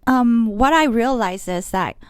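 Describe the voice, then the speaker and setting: A middle-aged woman from Los Angeles, a guest artist in an interview, speaking softly and hesitantly with many pauses. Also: fairly high pitch, animated, smooth, dry recording. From Los Angeles, USA. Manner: hesitant, many ums, soft-spoken. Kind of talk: casual interview.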